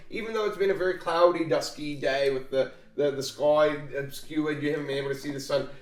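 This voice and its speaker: A man's voice: on the high side, darkish tone. Distant echoey man running a game. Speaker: dungeon master. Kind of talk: running a tabletop game over a call.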